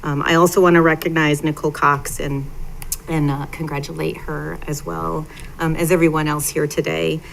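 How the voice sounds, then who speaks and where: Board member lady, really low flat voice, gets emotional, faint room hum. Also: vocal fry, rough recording. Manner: warm-hearted, emotional, halting with fillers. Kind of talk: board meeting remarks.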